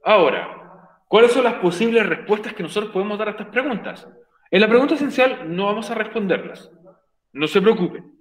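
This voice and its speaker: A man's voice: high-pitched, expressive, brisk, reverberant, rough recording. A male English teacher giving an online class, explaining patiently and often checking that students follow. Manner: patient, repeats points, checks understanding with frequent "ok?". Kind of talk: virtual class explanation in Spanish.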